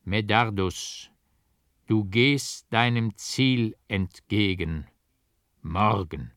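A man voicing a solemn, mysterious old painter who speaks slowly and commandingly. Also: lowish voice, fairly bright tone, dry recording, studio quality.

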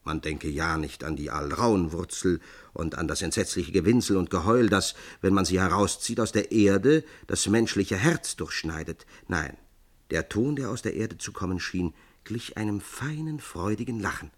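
A man reading a classic fairy tale aloud in measured scripted narration. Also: deep voice, expressive. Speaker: audiobook narrator.

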